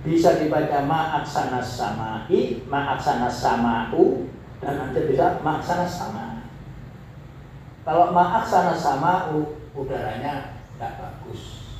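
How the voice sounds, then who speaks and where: A man lectures a class in a fairly high voice, working through Arabic phrases slowly and repeating them to show their rise and fall. He sounds far from the mic, in a very echoey room with a faint hiss underneath. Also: lively intonation, darkish tone. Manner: explains slowly, repeats Arabic phrases with rising and falling intonation. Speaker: teacher of Arabic grammar.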